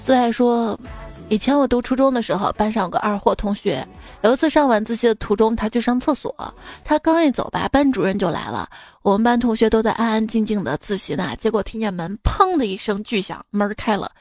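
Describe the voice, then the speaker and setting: A young woman hosting a radio comedy show, reading out listeners' funny stories in a lively, giggly way with playful comments. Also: on the high side, a little fast, no room sound, faint music behind. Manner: lively, giggly storytelling with frequent laughter.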